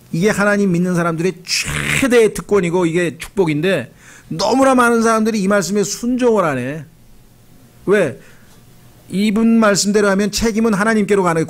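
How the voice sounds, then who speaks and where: Korean man preaching in a lively conversational way. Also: high voice. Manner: conversational preaching, acting out prayers and quoted voices. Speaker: pastor. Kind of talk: sermon.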